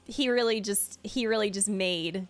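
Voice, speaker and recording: Speaking at a measured pace in a mid-range voice, a woman ranks game trailers as a video creator and game streamer. Her reaction commentary is casual and chatty, rambling along with gushing asides, and faint music plays softly.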